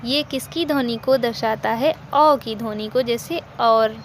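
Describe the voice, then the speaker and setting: A woman teaching a recorded language lesson, explaining slowly, repeating examples and asking questions she answers herself. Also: fairly high pitch, slight background noise.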